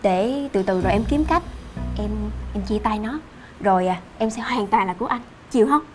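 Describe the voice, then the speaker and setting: An actress playing a fickle young mistress who whines and pleads, over background music. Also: female voice, mid-range voice, moderate pace, natural voice. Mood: coaxing. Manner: whiny, pleading.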